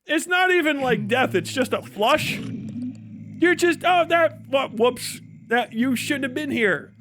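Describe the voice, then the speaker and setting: A man hosting a livestream delivers a relaxed, profane, sarcastic rant, animatedly acting out imagined lines. His voice is very high, his pace measured, and there's slight background noise.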